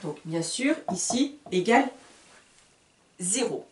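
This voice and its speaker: A woman's voice: medium pitch, animated, takes it slowly. A woman teaching a beginners' lesson, spelling words letter by letter and repeating her examples carefully. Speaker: French teacher. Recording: roomy sound, voice a bit far from the mic.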